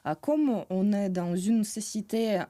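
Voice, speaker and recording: A woman's voice: medium pitch, animated, slow, mellow, no echo. A woman from Russia with a Russian accent, speaking as an interview guest in a casual, hesitant way with many fillers. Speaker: guest, head of legal.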